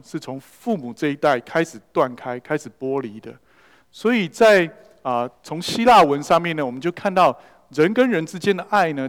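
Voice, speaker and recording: Preacher in an echoing hall. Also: male voice, on the high side. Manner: storytelling preacher who mixes in English words. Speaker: pastor. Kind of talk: sermon. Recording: long reverb of a large hall.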